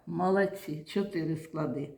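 A woman's voice: deep voice, moderate pace, gravelly, mellow. A woman teaching a lesson to young children in a classroom, patient and coaxing, often praising them. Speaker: primary school teacher. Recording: echoey classroom.

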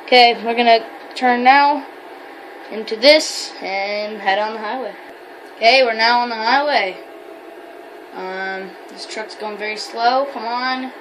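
A woman's voice: a little high, a little slow, fairly bright tone, slight background noise, low-quality recording. A woman giving rambling, chatty gameplay commentary while role-playing as a trucker, with many fillers and self-corrections. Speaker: gamer.

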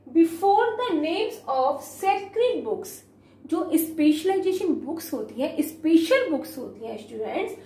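This school teacher, speaking with an Indian accent in a very high-pitched, a little mellow voice, explains grammar to young learners in a roomy-sounding space. She switches between Hindi and English, asks questions only to answer them herself, and reads rules out slowly.

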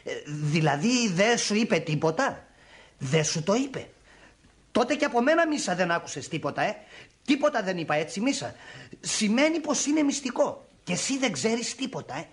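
A man's voice: high voice, big pitch swings. An actor playing a boastful, nosy male busybody in a radio drama, with a swaggering, coaxing manner.

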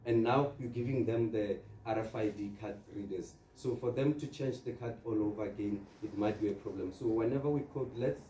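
In an indoor presentation room with a large screen, a man with a lowish voice gives an informal product training, talking fairly quickly with few pauses. He walks through things step by step using everyday scenarios. The recording is dark, echoey, distant, and noisy.

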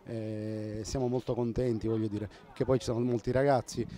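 A man's voice: fairly low pitch, little pitch movement, normal speed, mellow. A man, giving a post-match interview for his football club outdoors. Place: outdoors by a fence at a football ground. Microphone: handheld interview microphone.

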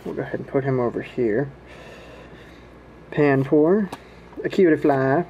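Male hobby vlogger, mid-pitched and soft-edged, folksy and easygoing commentary, faint noise on a home camera recording. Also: measured pace, vocal fry, dull audio. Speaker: host of a trading card pack-opening video. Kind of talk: casual running commentary while opening card packs. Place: indoors at home, hands at a table.

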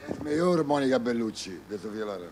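A man's voice: mid-range voice, expressive, fairly quick, a little mellow, slight background noise. A man from Rome with an Italian accent, giving short, laid-back answers into an interviewer's handheld mic in an ice-cream shop. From Italy, Rome.

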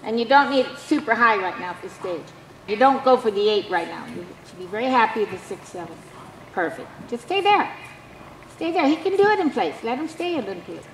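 A woman instructor coaches a rider in brisk, encouraging bursts, often repeating the same short word of praise. Her voice sits a little high and reaches the camera from far across a large indoor arena. It comes through roomy and echoey, with steady background noise. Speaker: dressage clinic instructor.

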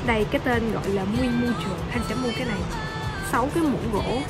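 A woman's voice: fairly high pitch, fast talker, a loud crowd. Chatty Southern Vietnamese woman vlogging. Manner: chatty, enthusiastic, addresses viewers often. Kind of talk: casual travel vlog narration. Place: outdoor shopping mall and shops. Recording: music playing under the voice. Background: background music.

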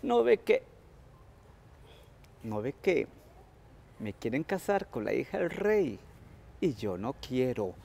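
A man's voice: mid-range voice, sing-song, slow, vocal fry, pauses often, warm tone, exaggerated voice. A man voicing a vain, sly trickster rabbit who wheedles and teases. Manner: wheedling, cheeky.

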